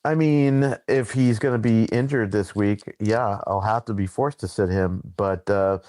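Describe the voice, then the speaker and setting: A man co-hosting a casual podcast, relaxed and easygoing in his banter. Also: on the low side, unhurried, dry recording. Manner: relaxed, easygoing, says dude a lot. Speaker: podcast co-host. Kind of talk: casual fantasy sports chat.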